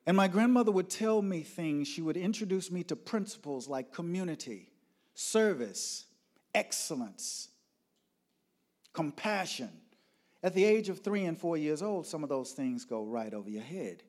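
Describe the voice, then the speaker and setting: A man's voice: a little high, expressive, measured pace, a little mellow. A man from Nashville, Tennessee, preaching a sermon as a guest speaker in a church, leading the congregation in prayer and telling stories with emphasis. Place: church sanctuary.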